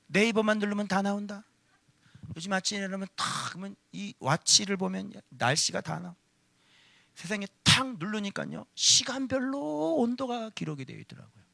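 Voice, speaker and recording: A male pastor preaching with energy, scolding with rhetorical questions, shouting out some phrases and then dropping to a low voice. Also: gravelly, no room sound. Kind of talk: sermon.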